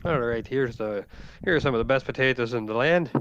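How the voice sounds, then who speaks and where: A man's voice: medium pitch, a little fast, fairly bright tone, smooth, no echo. A man playing a tabletop game, hesitant with many ums and uhs. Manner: hesitant, filler-laden. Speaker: player. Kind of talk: in-character play at the table. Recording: dull dry lo-fi mic.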